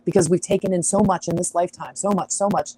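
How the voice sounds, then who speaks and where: A woman with a mellow, rather low voice hosts a casual livestream from a farm. She rambles, sidetracks and laughs easily as she chats with viewers. A faint hum sits behind her. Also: fairly even intonation, quick pace, rough recording. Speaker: astrology livestream host. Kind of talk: casual live-stream chat. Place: outdoors on a farm.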